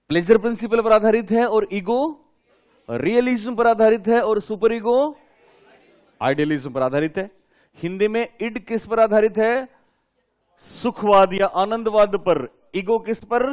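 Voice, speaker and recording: A man teaches a class in a fairly high voice. He keeps putting questions to his students and repeats each key term several times so they can write it down. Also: darkish tone. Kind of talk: classroom lecture.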